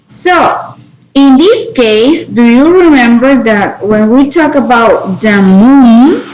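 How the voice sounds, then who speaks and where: A woman teaching an English grammar lesson, explaining each example slowly in both Spanish and English and checking with her students as she goes. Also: sits high, a little mellow, slight background noise, poor audio. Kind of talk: bilingual classroom grammar lesson.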